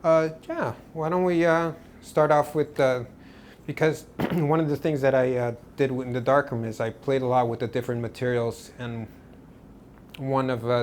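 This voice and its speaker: A Portuguese artist appears as a guest in a casual interview, talking about his work in a relaxed, rambling manner with many restarts. His voice is mid-range, with slight background noise.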